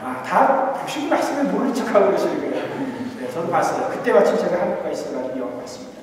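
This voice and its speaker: A male pastor preaching a humorous sermon, quizzing his congregation and swinging between emphatic lines and quiet asides. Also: high-pitched, big pitch swings, fast, a crowd in the background. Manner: humorous, asks the congregation questions. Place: church sanctuary. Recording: echoey church hall, distant mic.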